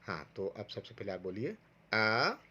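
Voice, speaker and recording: Male primary teacher, online lesson for small children, slow and patient, spells out sounds one by one, mid-pitched voice. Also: lively intonation, a bit bright, dull audio, slight background noise. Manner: patient, slow and step-by-step, sounding out syllables for pupils to repeat. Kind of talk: recorded online Hindi lesson for first graders.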